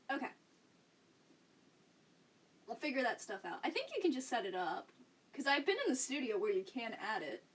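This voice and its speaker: A young woman livestreaming from a room at home, chatting casually with her viewers in a rambling way and laughing often. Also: a little high. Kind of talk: casual chat with stream viewers. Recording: slightly distant mic, faint background noise.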